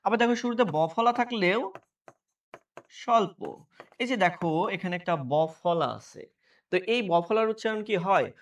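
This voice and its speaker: High-voiced teacher, set back from mic. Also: male voice, brisk, distant mic. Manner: asks questions aloud and answers them himself, checks in often. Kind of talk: exam-prep lesson.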